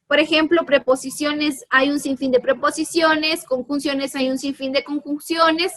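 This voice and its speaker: A woman's voice: high-pitched, fairly bright tone. A woman teacher with a Guatemalan Spanish accent giving a televised lesson, explaining step by step and asking the students rhetorical questions.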